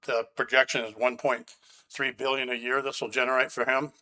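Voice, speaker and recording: A man gives public comment at a county board meeting. He speaks bluntly, with sharp sarcasm and open anger. His pitch sits at an ordinary middle level for a man. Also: flat delivery, a little fast. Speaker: resident giving public comment. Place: county commission meeting room.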